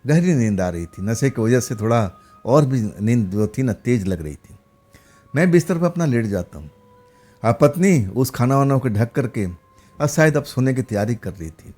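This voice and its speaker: A man's voice: mid-range voice, lively intonation, normal speed, warm tone, soft background music. A man narrating a first-person horror story in a loose, rambling way, with fillers and restarts.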